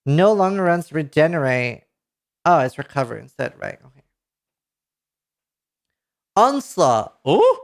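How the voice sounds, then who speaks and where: Speaking into a desk headset mic, this Norwegian-accented streamer in his thirties reads patch notes aloud for his live chat, reacting with excited outbursts and casual cursing. He talks unhurriedly, with long pauses, in a fairly high voice.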